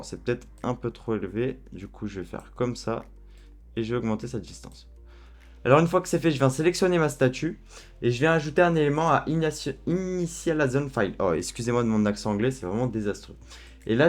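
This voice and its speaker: A man walking viewers through a software tutorial in a relaxed, chatty way, with frequent fillers. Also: mid-range voice, a little fast, soft background music. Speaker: tutorial host. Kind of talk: screen-recorded software tutorial.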